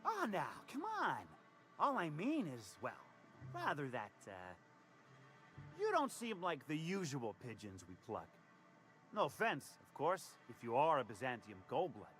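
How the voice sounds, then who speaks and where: A man's voice: a little high, wildly swooping pitch, a little slow, a bit bright, faint music behind, heavily acted. An actor playing a slippery, evasive male hustler in a video game, talking in stammering, wheedling sales patter. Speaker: game character.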